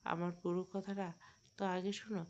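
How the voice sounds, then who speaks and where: A woman's voice: lowish voice, flat delivery, normal speed, lo-fi sound, close to an everyday voice. A woman reading an earnest younger boy cousin playing amateur detective in an audio story, with a probing, questioning manner.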